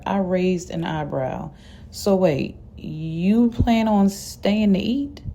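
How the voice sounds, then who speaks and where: A woman's voice: lowish voice, gravelly, warm tone. A woman narrating a dramatic first-person story in a casual, profane way.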